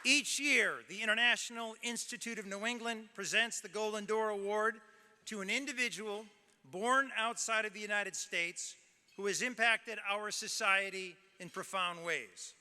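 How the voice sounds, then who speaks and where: In a large ballroom, the president of a nonprofit delivers a formal gala welcome speech, sprinkled with light jokes. His voice sits high, pushed and bright, with a steady tone at normal speed. Hall reverb and a faint crowd come through.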